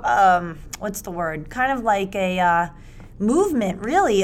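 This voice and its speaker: A woman in her late forties talking on a podcast in an expansive way, sometimes searching for words and growing animated as she makes her points. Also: mid-range voice, slight background noise. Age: 40s. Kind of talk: casual podcast conversation.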